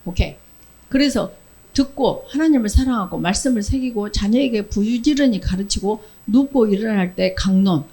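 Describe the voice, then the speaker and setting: Woman, Sunday school preacher, lively, question-and-answer, acts out quotes, church. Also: mid-range voice, moderate pace, low-quality recording. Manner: lively, asks the children questions and answers them herself; acts out short quoted lines in character voices. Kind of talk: children's sermon.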